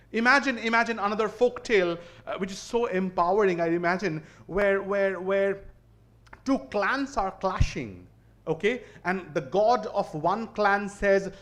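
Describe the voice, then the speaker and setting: A man's voice: high voice, a bit bright. A man with an Indian English accent giving an academic seminar lecture in a college hall, questioning the audience and often restarting his phrases. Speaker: seminar speaker.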